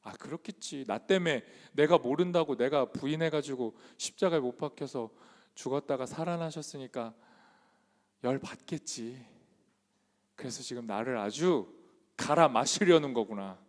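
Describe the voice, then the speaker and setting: A man's voice: mid-range voice, normal speed, close to an everyday voice. A man preaching acts out the inner grumbling of a resentful fisherman disciple, sulky and then exasperated, in a long church hall reverb. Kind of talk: acted quote in a sermon.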